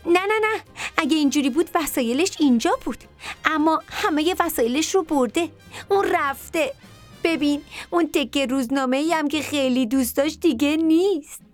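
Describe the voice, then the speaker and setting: A woman's voice: high-pitched, faint music behind, voice pushed up, lightly acted. A woman voicing a flustered onion in a children's story, stammering as it panics. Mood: panicky. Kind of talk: storybook character voice.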